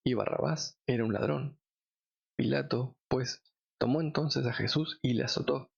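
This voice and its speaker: Man reading bible passages, heavy gravel in the voice, kinda muffled dull audio. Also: mid-range voice, moderate pace. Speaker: Bible reader. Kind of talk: scripted scripture reading.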